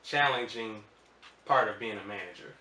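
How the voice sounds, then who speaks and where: A male radio host asking a guest questions in a playful, animated way. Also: lowish voice, moderate pace, distant mic. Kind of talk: casual interview chat. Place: radio studio. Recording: roomy studio with faint noise.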